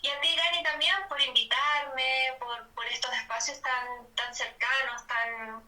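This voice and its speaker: A young Bolivian woman, a guest in a casual interview, speaks reflectively in long flowing sentences with restarts. Her high-pitched, sharp voice is fairly even and a little slow, coming over a video call that sounds echoey, like a distant phone line.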